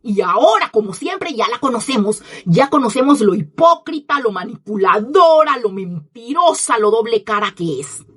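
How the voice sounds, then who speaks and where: Husky, scornful high-pitched woman ranting. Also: very animated, moderate pace, few pauses, fairly bright tone. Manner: indignant, scornful, emphatic repetition. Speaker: commentator. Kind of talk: opinion monologue.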